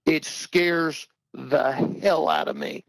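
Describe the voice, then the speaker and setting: An older man talking heatedly on a podcast, repeating himself for emphasis and rising in pitch when worked up. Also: steady tone, slow, gravelly, dry recording, low-quality recording. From Texas. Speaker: podcast guest. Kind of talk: impassioned talk-show commentary.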